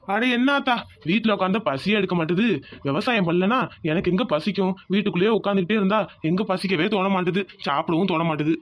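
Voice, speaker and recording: A man's voice: high voice, quick pace, natural voice. A man voicing a frustrated, grumbling farmer in a village cartoon, weary in tone. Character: frustrated middle-aged male farmer, grumbling.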